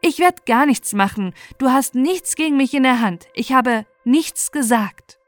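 A woman's voice: sits high, lively intonation, unhurried, no room sound, voice pushed up. A frightened but defiant eighteen-year-old girl who pushes back in a slightly raised voice, read out by a woman. Her lines sound like a chat log read aloud over faint music. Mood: pleading.

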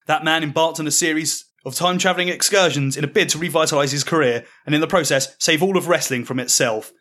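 A man telling a mocking comic story in the second person, with deadpan delivery. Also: fairly high pitch, fast. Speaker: podcast storyteller.

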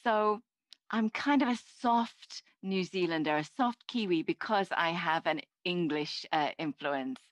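A woman in her fifties working as a live interpreter. She speaks a deaf host's signed words aloud in the first person in a measured, steady way, with small restarts. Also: fairly low pitch, no room sound. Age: 50s. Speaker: sign language interpreter voicing the host. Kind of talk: live spoken interpretation of an introduction. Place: home, seated before a plain screen.

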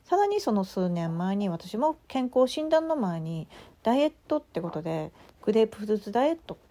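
A woman podcast host with a Tsugaru dialect, telling a story in a casual, animated way with many asides. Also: mid-range voice, a little fast. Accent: Tsugaru dialect of Japanese. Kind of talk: casual solo audio chat.

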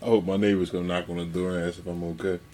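A man co-hosting a casual late-night chat at home, blunt and crude and quick to laugh. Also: deep voice, flat delivery, dark tone, slight background noise. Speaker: podcast co-host.

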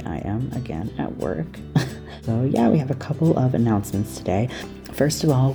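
A man hosts a podcast on a low-quality audio feed, with plucked guitar music underneath. He talks in a chatty, rambling way and pokes fun at himself. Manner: chatty, rambling, self-deprecating. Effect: low-quality audio, recorded at work. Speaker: podcast host. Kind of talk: casual announcements.

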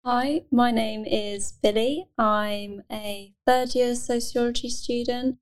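A woman's voice: on the high side, fairly even intonation, slow pace. A young woman student, a podcast guest, speaking casually with lots of hedging words. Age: young adult.

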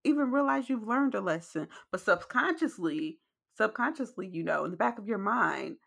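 Creaky-voiced woman podcaster with wet mouth clicks. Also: mid-range voice, lively intonation, moderate pace, a bit bright. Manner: emphatic, repeats phrases for stress. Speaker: podcast host. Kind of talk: reflective podcast conversation.

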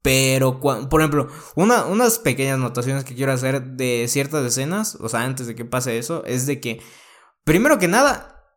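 A young man with a Mexican Spanish accent, retelling a film scene in slangy, profane, animated casual chat. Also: mid-range voice, moderate pace.

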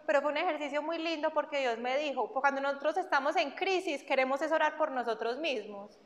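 Young woman giving her testimony, high voice, echoey hall. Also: a little fast. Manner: emphatic, repeats phrases, acts out dialogue. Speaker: faith testimony speaker. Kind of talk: personal religious testimony. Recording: dull recording with long hall reverb.

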